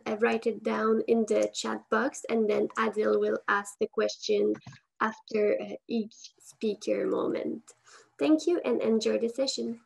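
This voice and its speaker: A woman's voice: fairly high pitch, creaky, a little mellow. A woman giving a polite, formal welcome to an online session. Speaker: session host. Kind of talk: scripted welcome. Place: video call.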